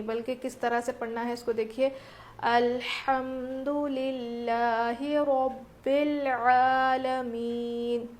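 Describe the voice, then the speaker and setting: Woman recitation teacher, higher pitch, even delivery; methodical tajweed lesson. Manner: explains rules step by step, asks and answers own questions.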